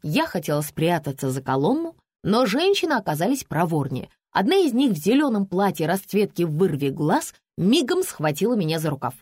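A woman reads a first-person storybook, her voice rising and falling with lively, wry turns. The sound is dry and close, with no room around it. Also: lowish voice, normal speed, few pauses, husky, no room sound. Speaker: audiobook narrator.

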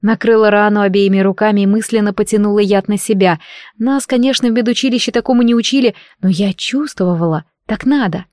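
A woman's voice: mid-range voice, fairly quick, darkish tone, dry recording. Brief: female audiobook narrator, first person, intimate and emotional, dry studio sound.

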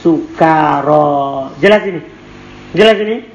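A man's voice: high voice, moderate pace, fairly bright tone. Male teacher in an echoey classroom with faint noise, reading a text and drilling students with questions. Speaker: teacher of Arabic morphology. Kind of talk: classroom lesson with call-and-response.

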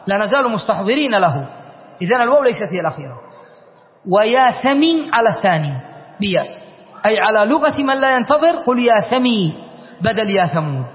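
A man with a very high voice gives a grammar lesson, quizzing students as he spells out word forms. His voice rings in a long hall reverb, and the recording is dull and muffled. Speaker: teacher of Arabic grammar.

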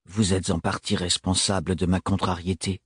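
A man voicing a stern, cold administrator in an audiobook reading, speaking in a curt monotone. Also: deep voice, normal speed, husky, dry recording, clean studio sound, pitched below the performer's own voice.

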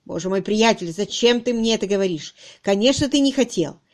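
A woman voicing an angry gentleman who scolds his manservant in an audiobook. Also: mid-range voice, expressive, fairly quick, lightly acted. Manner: sharp, scolding.

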